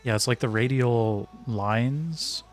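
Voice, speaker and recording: Here a man with a mid-range voice speaks slowly. As an indie game developer streaming live, he works and chats casually, musing aloud in a tentative, self-directed way over background music.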